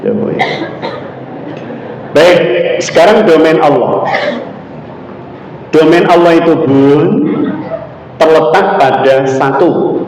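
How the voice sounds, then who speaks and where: A male Islamic preacher with a Javanese accent, giving an animated sermon and quizzing the audience with questions. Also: fairly high pitch, takes it slowly, pauses often. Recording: echoey hall, faint background noise.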